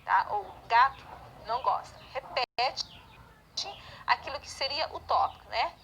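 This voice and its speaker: High bright-voiced Brazilian woman teaching. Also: lively intonation, measured pace, a little hiss or hum, poor audio. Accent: Brazilian Portuguese. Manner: explanatory, frequent checking tags like "tá?" and "né?". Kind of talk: online class lecture.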